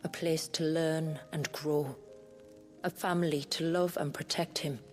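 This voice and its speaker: An actress playing a proud, protective warrior chief in a video game, speaking in a solemn, deliberate way. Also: female voice, low-pitched, steady tone, darkish tone. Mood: solemn, tender. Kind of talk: dramatic video game acting. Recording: long reverb, music behind.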